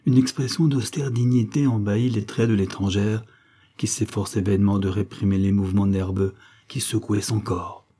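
A man reading a literary audiobook in an even, measured narration. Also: on the low side.

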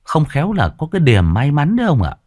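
A man's voice: fairly high pitch, wildly swooping pitch, quick pace, a little mellow, faint music behind, voice pushed up. A man voicing a sly, fawning male servant who coaxes his master with polite, wheedling talk in a storybook reading. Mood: coaxing.

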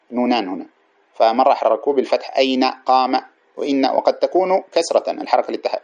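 A man's voice: mid-range voice, darkish tone, dull audio. A man teaching Arabic grammar from a classic text, explaining point by point, repeating examples and asking his class rhetorical questions. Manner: trails off and restarts words mid-phrase.

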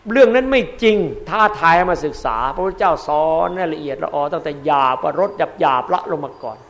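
A man, a Buddhist monk, giving a dharma sermon in an emphatic way, repeating key words and swinging between loud and soft. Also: high-pitched, sing-song, brisk, creaky.

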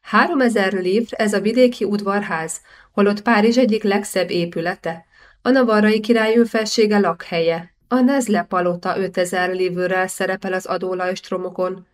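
A woman's voice: medium pitch, steady tone, close to an everyday voice. A woman reading the lines of a bold young man who angrily rebukes a cheating official. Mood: indignant. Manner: cutting, righteous rebuke.

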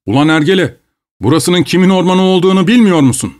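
A man's voice: on the high side, unhurried, pitched above the performer's own voice. A furious, hot-tempered estate steward, as a man puts him on in a storybook reading. He barks his scolding lines in a strained, raised voice well above the reader's own. His tone stays hard and tense. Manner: shouting, scolding.

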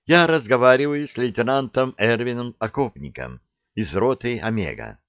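A pushy young woman reporter, put on by a male reader, raised a little in pitch and firing brisk questions. The audiobook sound is dull and dry. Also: animated, clean tone, dry recording, natural voice. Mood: probing.

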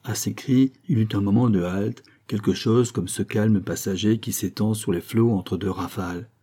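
A man reading a classic novel aloud in a dramatic, measured narration. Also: on the low side, steady tone, warm tone, slightly rough. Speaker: audiobook reader.

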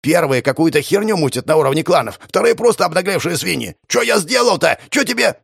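A man voicing a foul-mouthed, panicky gang boss in an audiobook, with a hoarse, rasping voice. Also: on the high side, animated, moderate pace, no room sound, clean studio sound, pitched above the performer's own voice, full character voice. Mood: panicked. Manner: foul-mouthed, frantic, pleading. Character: hoarse middle-aged male gang boss, brash then panicked. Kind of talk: audiobook character voice.

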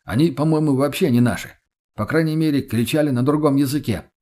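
A man's voice: mid-range voice, fairly quick, a little mellow, pitched above the performer's own voice, natural voice. A man voicing a brash, laid-back young male survivor who talks bluntly in street slang. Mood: offhand.

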